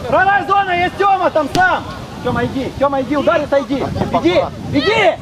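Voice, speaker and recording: A man's voice: very high-pitched, animated, moderate pace, far from the mic, over a noisy crowd. A man coaching youth football from the touchline, calling out urgent, clipped, repetitive instructions and players' names. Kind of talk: shouted touchline instructions during a match. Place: outdoors at a football pitch touchline. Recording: windy outdoor noise, loud and rough.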